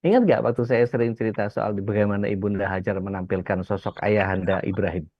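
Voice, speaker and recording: A man's voice: lowish voice, steady tone, fast, no echo. A male Islamic preacher giving a casual religious talk, telling stories and acting out the voices of the people in them. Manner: storytelling, acts out quoted characters. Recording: dull, dry lo-fi sound.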